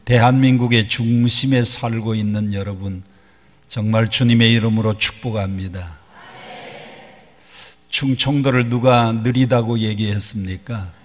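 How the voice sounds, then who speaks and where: Pastor preaching in a reverberant church. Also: male voice, lowish voice. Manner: leads the congregation in call-and-response; folksy, joking asides. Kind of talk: sermon. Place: large church sanctuary. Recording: long reverb of a large church hall.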